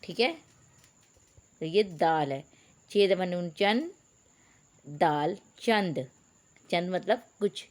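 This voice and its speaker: A woman teacher gives an online reading lesson for young pupils. She spells out letters one by one and repeats each word, calling the children beta. Her voice sits a touch low. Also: a little mellow. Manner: patient, spells out letters slowly.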